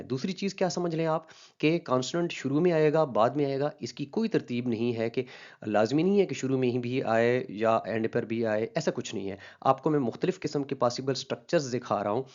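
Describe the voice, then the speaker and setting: Slow, repetitive male linguistics teacher. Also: mid-range voice, lively intonation, darkish tone, lo-fi sound. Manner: slow and repetitive, with frequent "uh" fillers and rhetorical questions. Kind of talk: explanatory lecture.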